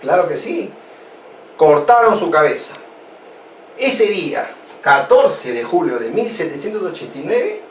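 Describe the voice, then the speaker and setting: Animated male teacher in an echoey room. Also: on the high side. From Peru. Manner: animated, rhetorical questions to students. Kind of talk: online history lesson. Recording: echoey room, distant mic, faint noise.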